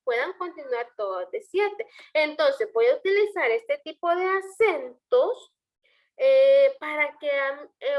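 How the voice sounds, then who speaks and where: A woman teaching a poetry lesson, explaining step by step and asking her students questions. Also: high voice. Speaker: language teacher. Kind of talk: online class lecture.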